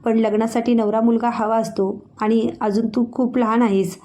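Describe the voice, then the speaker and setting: A woman's voice: a little high, little pitch movement, normal speed, dark tone, lightly acted. A woman reading a grieving young father. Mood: gentle. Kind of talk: storybook narration.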